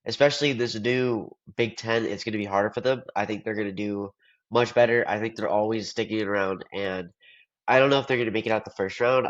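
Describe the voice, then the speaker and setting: A young man with a stuffy nose from allergies, co-hosting a casual sports talk show and earnestly searching for his words. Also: on the low side. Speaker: podcast co-host. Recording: dull lo-fi audio.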